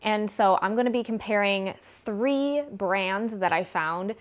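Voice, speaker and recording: A Midwestern American woman in her twenties reviews a product to camera in a chatty, informal vlog style, recorded on a clip-on lapel mic. Her mid-range voice runs a little slow.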